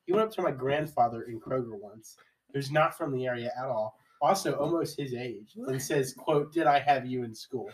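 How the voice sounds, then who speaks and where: A man's voice: mid-range voice, normal speed, distant mic, poor audio. A young man co-hosting a podcast, telling stories in a laid-back, joking way. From Ohio, US. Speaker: podcast co-host. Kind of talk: casual storytelling chat.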